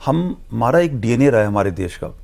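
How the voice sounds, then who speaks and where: A man's voice: medium pitch, lively intonation, normal speed, vocal fry, darkish tone. A man speaking as a studio guest analyst in a discussion, explaining earnestly and emphatically, mixing English phrases into his talk.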